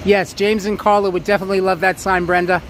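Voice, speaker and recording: A man with a Queens accent and a fairly high voice chats casually to livestream viewers, often repeating himself. He is outdoors on a city sidewalk, with clear traffic noise behind him. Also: flat delivery, quick pace, fairly bright tone. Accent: Queens New York. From Queens, New York City. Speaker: livestream host. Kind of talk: casual walking livestream chat. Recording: noisy city street with traffic. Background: street ambience and passing cars.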